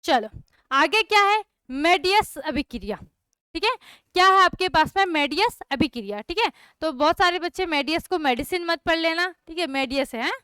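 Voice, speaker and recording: A woman's voice: very high voice, animated, moderate pace, bright, forceful tone, dry recording, studio quality. A young woman teaching a chemistry class online, often checking that students have understood. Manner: repeats checks like "clear?" and "okay" to students.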